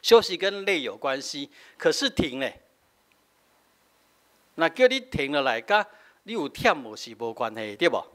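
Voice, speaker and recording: Taiwanese pastor guy preaching, middle-aged, kinda high voice that jumps around a lot, keeps saying hah. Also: very animated, a little slow, long pauses, fairly bright tone. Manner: explanatory, frequent filler "hah" tags, switching between Taiwanese and Mandarin. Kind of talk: sermon teaching.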